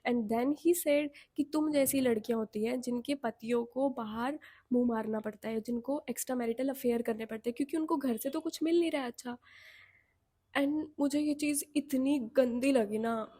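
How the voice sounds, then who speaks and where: Candid young Indian woman, fairly high voice. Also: moderate pace. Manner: candid, animated, self-mocking. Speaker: vlogger. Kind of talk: personal storytelling.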